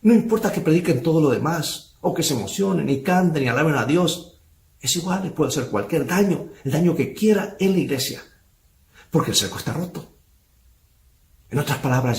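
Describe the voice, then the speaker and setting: A man's voice: on the high side, expressive, moderate pace, darkish tone, reverberant. A male pastor preaching a sermon, asking rhetorical questions of the brethren.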